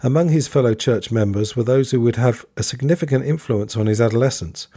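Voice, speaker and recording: A man's voice: medium pitch, brisk, warm tone, no echo, studio quality. A man hosting a podcast, chatting to listeners and reading passages aloud from a book. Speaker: podcast host.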